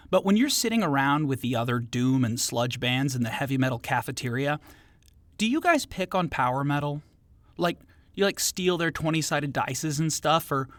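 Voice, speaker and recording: A man's voice: fairly high pitch, fairly bright tone, no room sound. A male interview host reading playful scripted questions in a jokey, theatrical manner.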